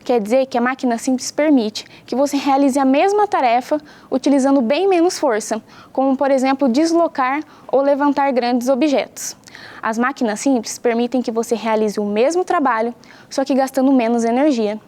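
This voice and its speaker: Warm in tone and high in pitch, a young teacher from Brazil speaks at a moderate pace. She leads a patient science lesson at home, giving clear explanations and asking her pupils questions.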